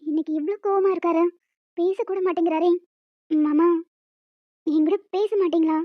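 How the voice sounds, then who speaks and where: A woman's voice: very high voice, fairly even intonation, moderate pace, dry recording. A woman voicing a clingy young village wife who pleads and sulks in an audio romance drama. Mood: pleading. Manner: emotional, pleading, chatty. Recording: dull dry lo-fi recording.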